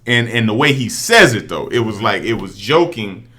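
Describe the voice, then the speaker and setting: A man's voice: fairly low pitch, very animated, moderate pace, pushed and bright. A man, a prosecutor telling stories in a laid-back way with street slang on a casual podcast. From New Orleans. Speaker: prosecutor and judge candidate.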